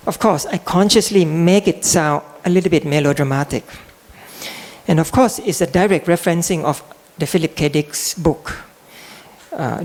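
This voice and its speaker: A Thai man with a gravelly, slightly high voice gives a public lecture as a guest lecturer and translator. His delivery is halting, with restarts, repeated words, and frequent throat clearing.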